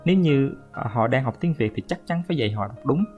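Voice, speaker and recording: A man's voice: mid-range voice, lively intonation, fast, dull audio, soft background music. A man from Vietnam teaching English pronunciation in a casual spoken lesson, talking straight to his viewers and explaining with examples. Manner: friendly, explaining with examples, addresses viewers directly.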